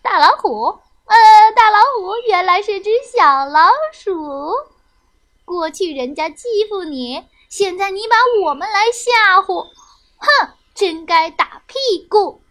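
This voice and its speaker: Brief: timid little storybook animals, put on by a woman, high and stammering. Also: lively intonation, slow pace, sharp tone, heavily acted. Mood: scolding. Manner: stammering, anxious, scolding. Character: small frightened forest animals.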